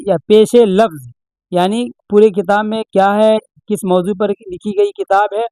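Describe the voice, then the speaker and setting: A man's voice: high-pitched, a little mellow, no echo, low-quality recording. A man teaching Urdu reading, patiently sounding out each letter and asking the learner what the word says. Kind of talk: slow spelling-out lesson.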